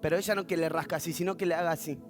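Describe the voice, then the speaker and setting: A man's voice: fairly high pitch, racing, music in the background. A man with a Rioplatense accent preaching a sermon as pastor, telling stories with humor and acting out the voices of others. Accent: Rioplatense Spanish. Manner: animated storytelling with humor, acting out quoted voices.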